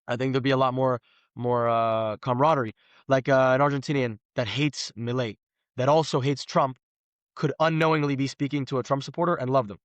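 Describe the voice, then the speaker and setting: A man in his twenties from Los Angeles chats casually as a podcast guest, speaking briskly in a mid-range voice with fairly even intonation. His talk is emphatic and rambling, full of "like" fillers. The recording has no echo but sounds muffled.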